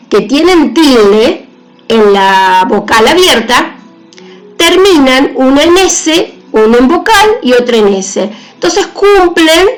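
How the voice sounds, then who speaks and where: A woman teacher giving a grammar lesson on accent marks, talking carefully through example words on slides. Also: sits high.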